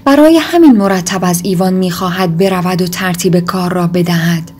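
A woman voicing an agitated, desperate young man in an audiobook reading, with intense outbursts that rise in pitch. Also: darkish tone, slightly rough. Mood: brooding.

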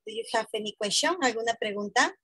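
A woman teaching English to school students, saying each phrase in English and then in Spanish and often checking in with a quick tag question. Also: on the high side, fairly bright tone, slightly rough, dry recording, low-quality recording. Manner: spells letters out slowly, one by one.

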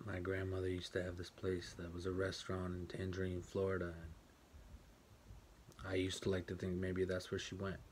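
An actor playing a guarded, bitter grown man who quietly recalls the day his mother left, in a clipped, plainspoken monologue over a home webcam. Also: low voice, completely flat delivery, moderate pace, a little hiss or hum, lightly acted. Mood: resigned. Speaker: actor performing a film monologue. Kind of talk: stage monologue, told to a listener. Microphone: home webcam for an online event.

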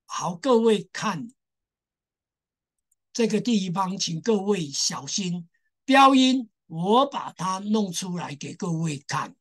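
A woman teacher speaks slowly and patiently to her class, with a voice of middle pitch. She drills the sounds over and over and leans on the exceptions so that students take note. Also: expressive. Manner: addresses class directly, stresses exceptions. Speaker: Japanese language teacher. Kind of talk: classroom lesson.

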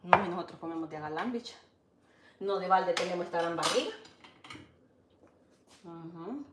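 Fairly low-pitched and lively in intonation, a Salvadoran cooking show host speaks at normal speed over heavy background noise in an echoey kitchen full of clattering dishes. She keeps things casual, chatting and teasing and hawking her dishes like a street vendor.

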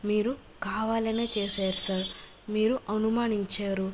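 A hurt young wife reproaches her husband, as a woman narrator reads her part. The voice sits in a middle pitch with a narrow, even contour. A faint hiss lies underneath. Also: unhurried, close to an everyday voice. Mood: reproachful. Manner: accusing, reproachful.

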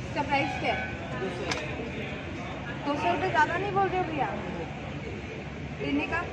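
A woman's voice: sits high, normal speed. A woman in her thirties, a travel vlogger, chatting directly to her viewers in a casual, playful way as she films herself on a phone held at arm's length. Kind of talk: casual travel vlog narration. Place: in a car, at a roadside restaurant and outdoors. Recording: loud crowd and traffic noise.

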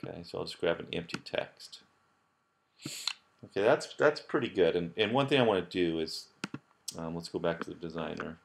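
Very low-voiced man teaching a screencast. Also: moderate pace, vocal fry, pauses often, background noise. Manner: casual, many fillers and restarts. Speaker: professor teaching app building. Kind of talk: screencast tutorial.

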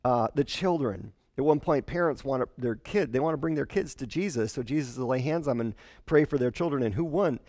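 Animated man preaching, dry close sound. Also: medium pitch, brisk, dry recording. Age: 40s. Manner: conversational, animated, acts out quotes in character voices. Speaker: pastor. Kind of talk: sermon. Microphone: headset mic.

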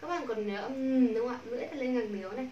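A woman with a Vietnamese accent teaching English pronunciation to a class, modeling sounds slowly and repeating drills. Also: on the high side, dark tone, distant mic, muffled recording. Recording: echoey room, from the mic, faint noise.

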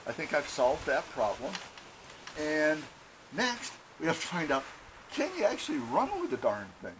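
A man's voice: medium pitch, slight background noise, rough recording. An older man hosting a casual workshop vlog, talking in a rambling way with frequent fillers and restarts. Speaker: glider builder and channel host. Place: home garage workshop.

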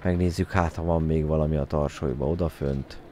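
A man giving joking let's-play commentary as a game streamer, excitably yelling at his character. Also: rumbling low, a little hiss or hum.

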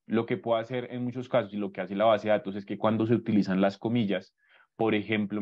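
A man with a lowish voice teaches a live webinar tutorial. He explains patiently, step by step, and keeps checking that listeners follow along. The audio is dull and lo-fi, like a streamed web session. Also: a little mellow. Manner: explanatory, repeats "entonces" and "¿listo?" to check understanding. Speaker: database search trainer.

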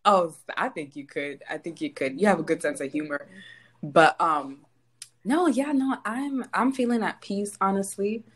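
A woman's voice: mid-range voice, normal speed, husky. A young woman from South Sudan co-hosting a podcast, chatting casually in an upbeat, reflective way. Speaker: podcast co-host.

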